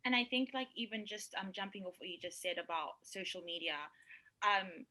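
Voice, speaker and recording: A young woman co-hosting a podcast over a video call, talking in an animated, emphatic way and laughing easily. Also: medium pitch, a little fast, a crowd in the background, rough recording. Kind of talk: casual panel chat.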